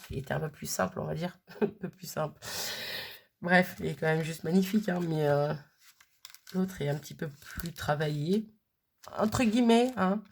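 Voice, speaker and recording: A woman's voice: on the low side, creaky, slightly rough. A woman chatting casually as she unboxes a craft gift, gushing and repeating her delight as she goes.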